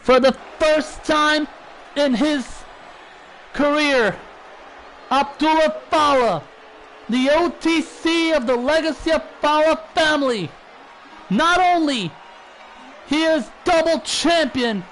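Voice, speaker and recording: A man doing excited, dramatic wrestling play-by-play commentary in a shouted delivery. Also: extremely high pitch, slow pace, long pauses. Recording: noisy recording with loud crowd.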